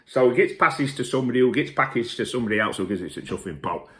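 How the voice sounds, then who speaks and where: A man's voice: medium pitch, animated, fast, a bit bright. Boisterous sweary man ranting. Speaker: host. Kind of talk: comic rant to camera.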